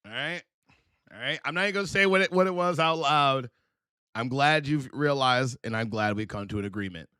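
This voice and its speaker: Profane, animated male stream host. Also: medium pitch, a little fast, smooth, dry recording, studio quality. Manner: profane, animated, laughing storyteller. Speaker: livestream host. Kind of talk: casual reaction commentary.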